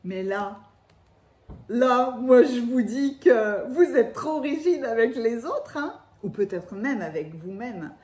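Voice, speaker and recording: A woman's voice: fairly high pitch, expressive, slow, darkish tone. A woman with a lisp on her s sounds gives a chatty, enthusiastic tarot reading, speaking off the cuff. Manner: enthusiastic, exclamatory. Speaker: tarot card reader. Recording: echoey room.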